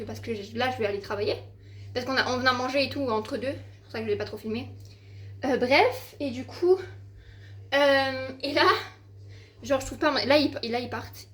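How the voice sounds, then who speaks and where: A teenage girl vlogging at home into her handheld phone, rambling with lots of fillers and casual swearing. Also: on the high side. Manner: rambling, filler-heavy, swearing, exasperated storytelling. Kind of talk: casual vlog chat to camera.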